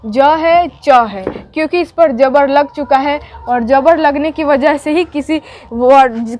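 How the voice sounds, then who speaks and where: A woman teaching the Urdu alphabet, drilling each sound, mixing English words into her Hindi and asking questions she answers herself. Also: sits high. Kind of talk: letter-by-letter lesson with call-and-response.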